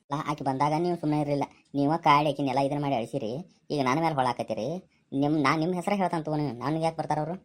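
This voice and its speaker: A woman playing a scheming young village guy in a comic skit, with a North Karnataka Kannada accent and rapid, scolding banter. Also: sits low, fairly even intonation, close to an everyday voice.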